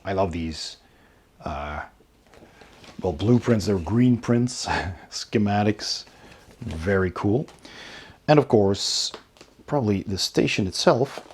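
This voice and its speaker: A low-voiced man hosts a tabletop game channel, offering casual unboxing commentary in a relaxed show-and-tell style with pauses. A slight hiss or hum sits under the recording.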